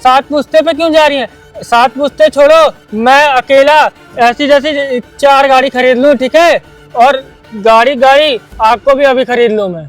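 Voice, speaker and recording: Brief: man, unusually high voice, firm and indignant, faint music behind. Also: fairly even intonation, normal speed. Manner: polite but firm, indignant. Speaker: scrap dealer hiding his wealth in a short film. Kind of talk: scripted dramatic acting.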